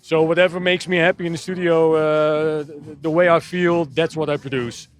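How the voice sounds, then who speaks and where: A man's voice: on the high side, fairly even intonation, moderate pace. A Dutch man with a Dutch accent, a techno DJ and producer answering interview questions in a hesitant way with many restarts. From Netherlands. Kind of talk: casual interview.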